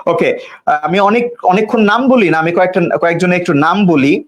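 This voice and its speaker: A man's voice: sits high, moderate pace. A man teaching an English grammar class live online, repeating points and quizzing viewers with questions. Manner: casual, teasing asides to commenters.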